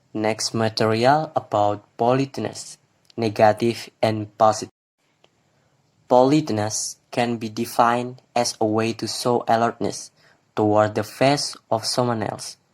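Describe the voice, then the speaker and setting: Presenting slides to his class, this young Indonesian-accented man reads in a fairly low, slightly mellow voice. When he stops to explain, he drops into Indonesian and his speech fills with hesitant fillers.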